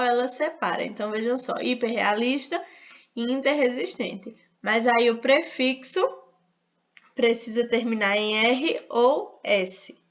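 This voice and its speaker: A woman's voice: on the high side, a bit bright. A Brazilian woman teaching an online writing lesson, explaining step by step and often checking with "né?". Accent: Brazilian Portuguese. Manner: explanatory, frequent "né?" and "e aí" fillers. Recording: dull lo-fi online class audio.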